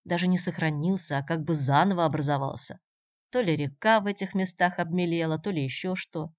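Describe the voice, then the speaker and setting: A woman voicing a calm, persistent young man who talks in a measured, dry way, in a dull, dry recording. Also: on the low side, dry recording, lightly acted. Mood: explaining.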